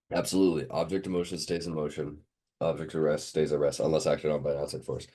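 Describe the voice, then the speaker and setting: A man's voice: very deep voice, flat delivery, brisk, pauses often, warm tone. A sick, sniffly man tutoring a student one on one, hesitant with many ums as he quizzes them.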